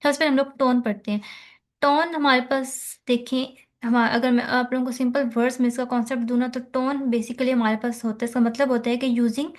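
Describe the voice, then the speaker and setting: A woman teaching an online phonetics lesson with a Pakistani accent, explaining slowly and checking in often. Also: high-pitched. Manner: code-switching, slow explanatory, repeats "theek hai". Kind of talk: online lecture.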